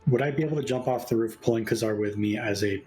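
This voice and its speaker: A man playing a tabletop game, asking questions and declaring actions in an unhurried way, thinking aloud with ums. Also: medium pitch, darkish tone, soft background music, poor audio. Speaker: player. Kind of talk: casual tabletop game play.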